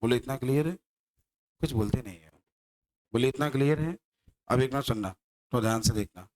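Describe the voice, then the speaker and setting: A man's voice: medium pitch, quick pace, darkish tone. A male maths teacher lecturing a class, teasing his students and firing rhetorical questions at them.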